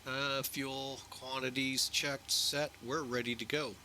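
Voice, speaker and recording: A man with a bright, crisp-edged voice hosts a flight simulator stream. He talks casually, step by step through his procedures. A light bed of aircraft ambience sits behind him, and his pitch stays in a middle male range. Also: little pitch movement, takes it slowly, slight background noise. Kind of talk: casual live-stream commentary while running checklists.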